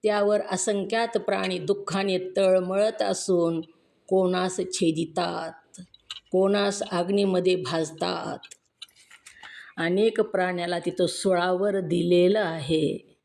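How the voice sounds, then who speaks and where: Woman, Marathi accent, devotional discourse, unhurried, emphatic, rhetorical questions. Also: fairly low pitch, steady tone, creaky, darkish tone. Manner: slow, earnest, emphatic preaching with rhetorical questions. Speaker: religious discourse reader. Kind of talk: devotional scripture exposition.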